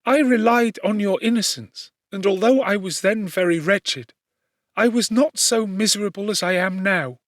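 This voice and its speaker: A tender, loyal young gentlewoman in a classic audiobook , acted out by a man. The voice sits very high, fervent and distressed, imploring with great earnestness. The recording is very dry. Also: normal speed, no room sound, close to an everyday voice. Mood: reproachful grief. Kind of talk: dramatic audiobook character reading.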